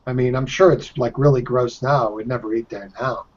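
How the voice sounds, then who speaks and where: A man in his fifties from the Boston area talks loosely in a casual chat, rambling through old memories and swearing freely. His voice sits at a middle pitch, and the recording sounds dull and lo-fi. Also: steady tone, brisk. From Boston area, Massachusetts.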